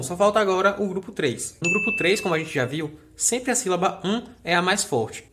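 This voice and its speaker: A man's voice: fairly high pitch, fairly bright tone. A man teaching a recorded grammar lesson. He explains step by step in a friendly way and checks in with the viewer often.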